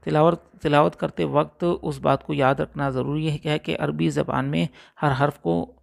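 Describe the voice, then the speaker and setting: A man, a religious teacher giving a lesson on Quran recitation, explaining steadily and sounding out letters slowly to show how they are said. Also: a little high, fairly even intonation, gravelly. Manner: explanatory, repeats letters slowly to demonstrate pronunciation.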